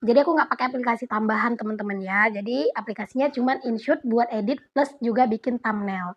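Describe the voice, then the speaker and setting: A young woman talks through viewer questions in a relaxed, chatty vlog manner, turning to her audience again and again. Her voice sits a little high. The audio is dull and lo-fi, as from a simple home setup. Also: fast, breathy edge. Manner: relaxed, chatty, often addresses viewers directly. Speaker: vlogger answering viewer questions. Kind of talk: casual Q&A chat.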